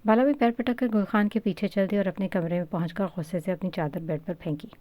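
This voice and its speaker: A woman narrating a story in a steady, even reading voice. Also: mid-range voice, no room sound.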